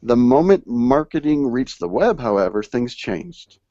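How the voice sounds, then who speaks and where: A man hosts a live panel over a video call. He reads passages aloud, pausing to lean on key words. The audio is dry and dull, like a lo-fi call recording. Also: mid-range voice, big pitch swings, dark tone, dry recording. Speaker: host of a live online panel.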